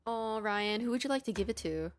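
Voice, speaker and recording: A woman's voice: a little high, expressive, fairly quick. A young adult woman streamer chatting casually with her viewers during a live game stream, greeting them by name. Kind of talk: casual livestream chat.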